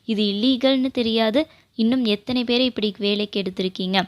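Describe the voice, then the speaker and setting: A woman voicing a stern young male company boss who scolds and gives sharp orders. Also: a little high, normal speed, no echo, lightly acted. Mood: angry.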